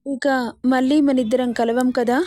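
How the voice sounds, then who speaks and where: A woman's voice: sits high, level tone, unhurried, mellow, dry recording, clean studio sound. A woman voicing a naive, heartbroken young female student in a spoken story, pleading. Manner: pleading, later childlike.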